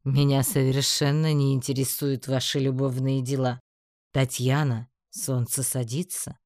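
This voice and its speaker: An actor playing a scheming emperor who speaks slowly, mocking and menacing. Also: male voice, mid-range voice, flat delivery, a little mellow, dry recording, clean studio sound, natural voice. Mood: cold mocking. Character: cold, scheming male emperor, middle-aged. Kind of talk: audiobook character voice.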